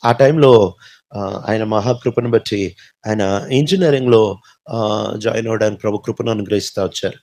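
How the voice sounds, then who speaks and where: A young man, telling his personal faith testimony in animated storytelling that swings between loud emphasis and quiet reflection. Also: on the low side, normal speed, long pauses. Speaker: testimony speaker.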